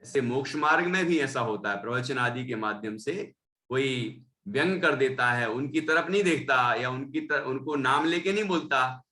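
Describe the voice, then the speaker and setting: A man with a medium-pitched, bright, forceful voice teaches a Jain scripture class at normal speed, sounding expressive. Speaking with an Indian Hindi accent, he reads a verse and then explains it, often tagging on "है ना?".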